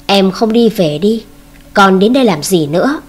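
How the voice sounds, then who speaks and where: A woman reading the lines of a young man who coldly turns away his ex, in a husky voice. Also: mid-range voice, animated, moderate pace, close to an everyday voice. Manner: cold, dismissive. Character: young man, cool and dismissive toward his ex.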